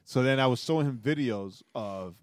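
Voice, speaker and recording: A man in his forties co-hosts a podcast in a casual chat, his mid-range voice at a moderate pace with a little hiss or hum. He tells stories animatedly, laughs often, and keeps checking in with "right?".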